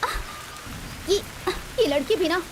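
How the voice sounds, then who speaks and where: A woman's voice: extremely high pitch, slow, rough recording. An actress playing a playful young woman who begs a friend to stay. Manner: pleading, playful. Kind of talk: low-budget film acting.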